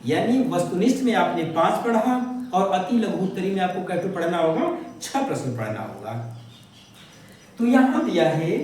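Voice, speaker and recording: A male teacher walking through an exam paper, asking his own questions and answering them, stretching key words slowly. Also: high-pitched, darkish tone, a little hiss or hum. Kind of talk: exam paper walkthrough lesson. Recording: very echoey room from far off.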